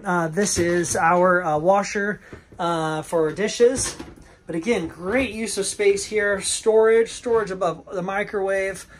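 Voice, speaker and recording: On board a sailboat docked in a marina, a middle-aged broker with a high voice strolls from deck to below, casually naming features and saying "uh" a lot. The handheld, first-person footage has slight background noise.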